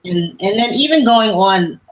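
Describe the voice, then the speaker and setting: A woman's voice: medium pitch, expressive, normal speed, dull audio. A woman from the United States hosting a casual interview, telling stories about faith and travel with frequent restarts. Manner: warm faith-based storytelling with many restarts. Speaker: host.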